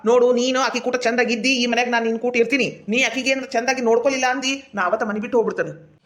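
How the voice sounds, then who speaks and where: Actress as a firm young North Karnataka husband scolding his mother, lightly raised pitch. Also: steady tone, fast talker, natural voice. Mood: lecturing. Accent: North Karnataka Kannada. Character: young village husband, defends his wife. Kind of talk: village comedy skit.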